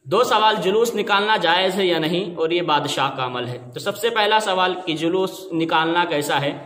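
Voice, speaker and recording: A man's voice: high-pitched, animated, fairly bright tone, a little hiss or hum. A man preaching an emphatic, argumentative religious lecture. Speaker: Islamic preacher. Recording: echoey room with long reverb.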